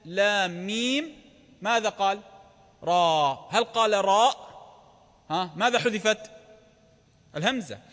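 A man's voice: a little high, a bit bright. A male preacher giving a lecture on the Quran. He keeps asking his listeners rhetorical questions, answers them himself, and rises with emphasis on key words. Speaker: Islamic preacher. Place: lecture hall with an audience. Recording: long reverb of a lecture hall.

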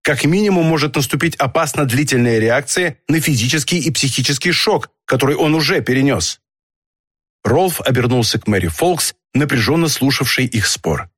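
A man's voice: mid-range voice, moderate pace, breathy edge, no echo, studio quality. A man narrating an audiobook of a detective novel, expressively. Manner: expressive, voices characters.

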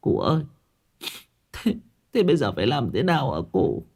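A man's voice: medium pitch, wildly swooping pitch, normal speed, vocal fry, a little mellow, slightly rough, voice pushed up, exaggerated voice. A man voicing a distraught mother who whimpers and pleads. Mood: pleading.

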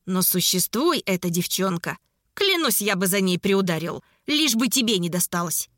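A woman voicing a short, furious dark-haired male sorcerer who snarls and spits insults. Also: medium pitch, very animated, normal speed, no room sound, studio quality. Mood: snarling.

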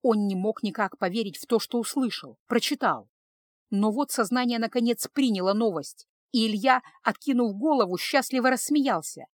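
A woman narrating an emotional love story in a steady, expressive storytelling manner. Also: a little high, normal speed, dry recording, studio quality. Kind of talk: scripted audiobook narration.

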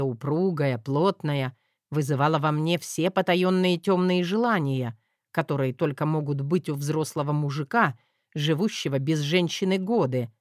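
A man's voice: a little high, no room sound, studio quality. A man narrating a first-person audiobook in a wry, self-mocking way.

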